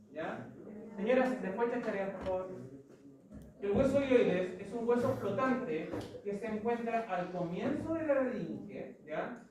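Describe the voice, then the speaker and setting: A Chilean woman gives an anatomy lecture in a big, echoing classroom, picked up by a distant mic. Her voice is mid-range, and she walks through the material step by step while asking students questions.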